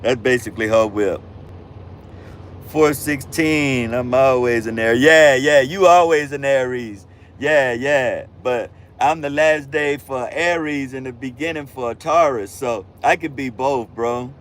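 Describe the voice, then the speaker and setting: A man's voice: medium pitch, a little slow, a bit bright. A man in his fifties, a truck driver hosting a casual livestream, answering viewer comments and calling them bro and fam. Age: 50s. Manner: laid-back slang-heavy talk, calls viewers bro and fam.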